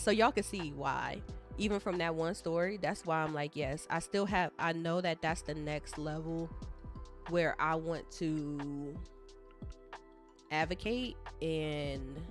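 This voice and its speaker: A woman streaming her coding session talks in a loose, rambling way, candid and expressive as she speaks straight to her audience. Her voice sits a bit on the lower side. Soft music plays faintly behind her. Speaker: live-streaming coder. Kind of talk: casual rambling stream chat. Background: soft background music.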